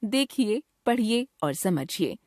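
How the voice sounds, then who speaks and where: A woman narrates a children's grammar lesson in a clear, measured way. Her pitch moves a lot as she explains. The sound is dry and close. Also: big pitch swings, darkish tone, no echo. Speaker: grammar teacher.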